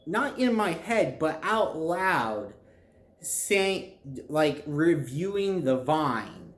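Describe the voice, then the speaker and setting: A young man chatting casually to viewers in a halting, rambling way, often groping for words. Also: a little high. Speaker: vlogger telling a personal story. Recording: echoey, reverberant room.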